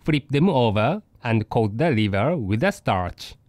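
Man playing a poodle cooking show host, unhurried, lively intonation, scripted recipe narration, patient step-by-step. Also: medium pitch, no echo, low-quality recording. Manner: slow, deliberate step-by-step instructions.

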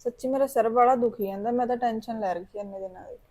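A woman's voice: a little high, quick pace, mellow, lightly acted. A woman playing a weary, aggrieved daughter-in-law. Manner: complaining, tired.

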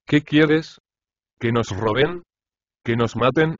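A man's voice: mid-range voice, slow pace, no room sound, close to an everyday voice. A man voicing a fussy, commanding middle-aged wife who nags her husband in a storybook reading, on a dry, slightly dull recording. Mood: imperious. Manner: imperious and nagging.

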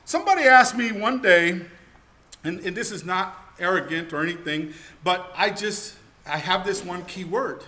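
A man in his forties delivering a lively seminar talk to a room of listeners, pressing each point with rhetorical questions. His voice sits high for a man and rings bright and forceful. He is picked up on a lapel mic in a hotel meeting room. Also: normal speed. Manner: energetic, emphatic, rhetorical questions. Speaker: keynote speaker.

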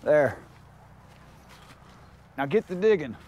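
Out in a backyard chicken run, a homestead vlogger films himself on a handheld camera, chatting casually to viewers and the animals in folksy slang. His voice is a little high and a little mellow, with a sing-song lilt and a slow pace.

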